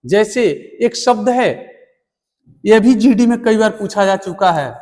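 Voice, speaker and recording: A man teaching a spelling lesson at a board, speaking deliberately and repeating words for emphasis. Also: sits high, darkish tone. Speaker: Hindi teacher. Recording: long room reverb.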